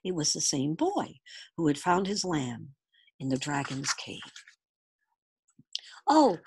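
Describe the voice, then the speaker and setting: Brief: woman storybook reader, husky voice, lively swooping pitch. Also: measured pace. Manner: expressive, animated storytelling. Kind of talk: picture-book read-aloud.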